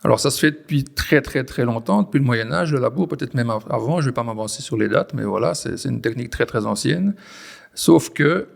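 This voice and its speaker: A man in his forties with a Belgian French accent, a farmer explaining his work in an interview, pausing and restarting often. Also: mid-range voice, animated, vocal fry. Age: 40s. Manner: hesitant, many restarts and fillers. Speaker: farmer, guest. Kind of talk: conversational interview.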